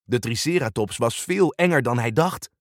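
A man reading a children's storybook aloud, expressive and animated. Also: medium pitch, normal speed, dry recording, clean studio sound. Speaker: narrator. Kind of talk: storybook narration.

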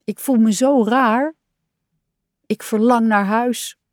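A small homesick frog, as a woman reads him aloud, pitched up high and a little louder than the telling around him. He whines and pleads in a slow, dry, close-up storybook voice. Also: animated, no echo. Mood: plaintive. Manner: plaintive, complaining. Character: small homesick male frog, timid and whiny.

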